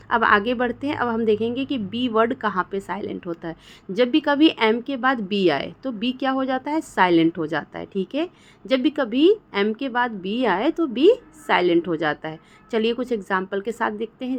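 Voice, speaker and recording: A woman from India, patiently explaining English spelling rules as a teacher and often checking that her students follow. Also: medium pitch. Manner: patient, repeats "theek hai" to check understanding.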